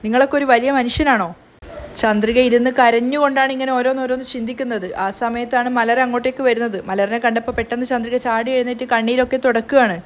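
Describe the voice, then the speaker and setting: A woman's voice: on the high side, little pitch movement, fast, few pauses. A woman retelling the scenes of a television serial, reading the characters' lines in her own voice. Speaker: serial recap narrator. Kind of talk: storytelling recap of a TV serial.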